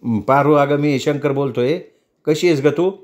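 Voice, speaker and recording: A man's voice: a little high, normal speed, darkish tone, close to an everyday voice. A male storyteller voicing an anxious working-class driver who pleads and argues his case.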